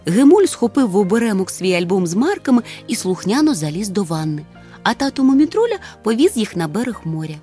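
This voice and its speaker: A woman narrating a children's storybook in an expressive, lively way. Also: mid-range voice, fairly quick, soft background music. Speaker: audiobook narrator.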